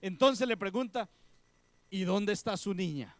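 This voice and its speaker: Pastor, male, storytelling sermon voice, smooth and a touch high, swings between loud and hushed. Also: measured pace, no room sound. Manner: animated storyteller, voicing the women in the story with soft, hushed tones.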